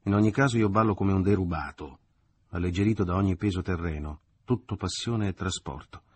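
A man's voice: low-pitched, brisk, a little hiss or hum, natural voice. A man reading an audiobook, voicing a bitter, sarcastic young man with a mocking, pointed delivery.

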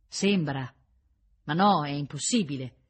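A woman reading the part of a hardened young woman prisoner, loud and guarded. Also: sits high, huge pitch swings, normal speed, breathy edge, pitched above the performer's own voice, heavily acted.

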